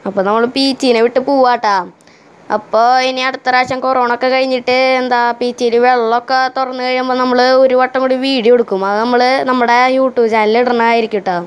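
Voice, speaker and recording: A woman's voice: sits high, clean tone. A woman with a Kerala Malayalam accent narrates a casual travel vlog, chatting straight to viewers and mixing English words into her Malayalam. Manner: chatty, addresses viewers directly. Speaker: travel vlogger.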